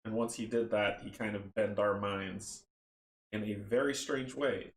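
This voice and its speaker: A man casually chatting and reading a horror board game story aloud, relaxed and rambling. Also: fairly low pitch, a little slow, slight background noise. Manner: relaxed, rambling, laughs at own slips. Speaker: tabletop game player and narrator. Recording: roomy echo.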